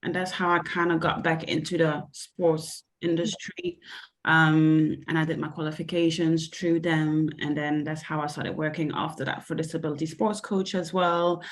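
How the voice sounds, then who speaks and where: Her voice sits low, with a flat delivery and normal speed. This young woman from Belgium, a sports coach and mentor, is a guest answering interview questions about her coaching, speaking hesitantly and filling her answers with ums and likes.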